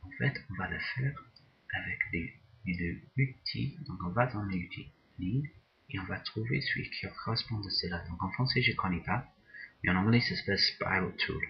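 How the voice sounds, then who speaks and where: A man teaching a software drawing tutorial, talking slowly and hesitantly, often repeating words as he works. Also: low voice, gravelly, lo-fi sound, slight background noise. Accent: non-native English pronunciation. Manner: slow, hesitant, repeats words while working. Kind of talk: screen-recorded software tutorial.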